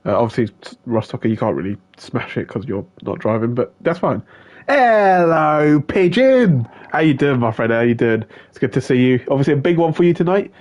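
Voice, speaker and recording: Male race commentator, mid pitch, chatty, greets the chat by name, lots of ums and uhs. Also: a little mellow. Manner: chatty, greets viewers by name, filler-heavy. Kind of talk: live sim-racing stream commentary.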